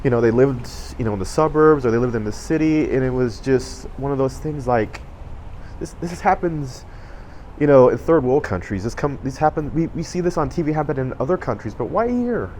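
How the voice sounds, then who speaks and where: A man's voice: medium pitch, brisk, darkish tone, slight background noise. A middle-aged man from Southern California telling a personal memory to camera, rambling with fillers and self-corrections, getting emotional as he talks. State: emotional, choking up. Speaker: vlogger.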